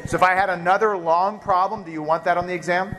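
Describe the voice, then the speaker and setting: His voice sits high and fairly bright, with fairly even intonation and a fast pace: a male biochemistry professor lecturing in a university hall. Catching a cold, he coughs occasionally and speaks loosely, with many fillers and restarts.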